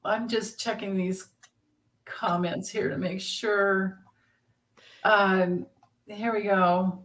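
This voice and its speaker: A woman's voice: medium pitch, fairly even intonation, slow pace, a bit bright. A woman co-hosting a tarot livestream, chatting casually and laughing often. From Kentucky. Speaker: tarot reader co-host.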